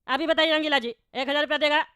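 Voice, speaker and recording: A woman's voice: high-pitched, fairly even intonation, quick pace, sharp tone, no room sound, studio quality. A woman voicing a bald, short-tempered male politician in a cartoon, always scolding. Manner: scolding, indignant. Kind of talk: cartoon voice acting.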